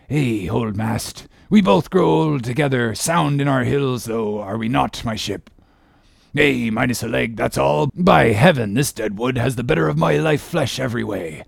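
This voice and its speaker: A man voicing an old, obsessed sea captain, defiant and brooding, with a gravelly, husky voice and declamatory archaic speech. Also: mid-range voice, no room sound, clean studio sound, full character voice. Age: older.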